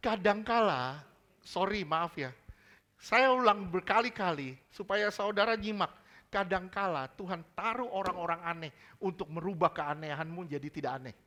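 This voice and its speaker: A man's voice: high-pitched, moderate pace, bright, forceful tone. A male pastor preaching a sermon in a church service. He is emphatic, mixes casual slang into his preaching and quizzes the congregation with repeated questions.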